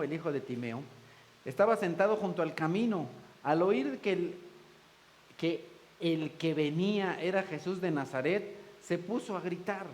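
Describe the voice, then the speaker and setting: A man's voice: high voice, low-quality recording. A man preaching a sermon in church, folksy, joking with the congregation and acting out the voices he quotes. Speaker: pastor.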